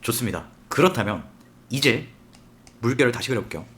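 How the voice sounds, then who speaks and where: A man teaching a software tutorial step by step, often asking the viewer questions as he works. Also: medium pitch, lively intonation, fairly quick. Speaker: software instructor. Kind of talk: screen-recorded tutorial.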